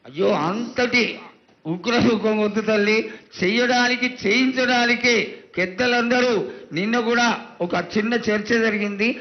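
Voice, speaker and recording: A man's voice: very high-pitched, fairly even intonation, moderate pace, lo-fi sound. A man speaking as a priest, reverently pleading with and questioning a mother goddess in a devotional, supplicating way.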